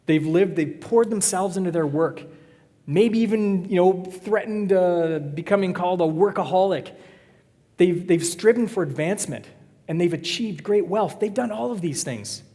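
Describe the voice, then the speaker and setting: A man's voice: high-pitched, moderate pace, mellow. A man preaching a sermon to his congregation, conversational and joking, teasing the crowd between points. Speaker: pastor. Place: church sanctuary. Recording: long reverb of a church hall.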